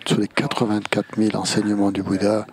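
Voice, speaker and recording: A man's voice: on the low side, monotone, fairly quick, a crowd in the background. A man interpreting a Buddhist teaching live, repeating and rephrasing phrases with playful asides. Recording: audience heard behind.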